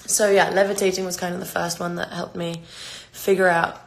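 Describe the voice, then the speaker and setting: On a phone livestream from an echoey room, a woman in her twenties with a London English accent chats with fans, answering their questions as a singer. She rambles, with many fillers and restarts. Her lowish voice has vocal fry and a flat delivery, and she speaks briskly.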